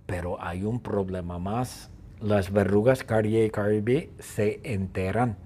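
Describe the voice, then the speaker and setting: Narrador juguetón de voz ronca. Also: male voice, lowish voice, a little slow, husky. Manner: playful, repetitive, animated. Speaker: storyteller. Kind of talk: playful story narration.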